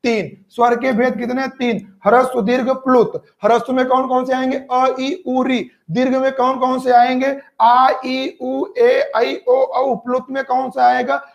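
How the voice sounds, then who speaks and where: A man's voice: very high voice, level tone, a little slow, creaky, hardly any pauses, lo-fi sound. A man teaching Hindi grammar in an exam-prep lecture. He drills each term by repetition, asks questions and answers them himself, and speaks straight to his students. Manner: addresses students directly.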